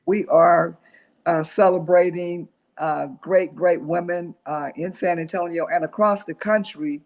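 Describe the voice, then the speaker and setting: A woman hosting an interview, speaking haltingly with many fillers and restarts. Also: on the low side, steady tone, darkish tone. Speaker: interview host. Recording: dull lo-fi sound.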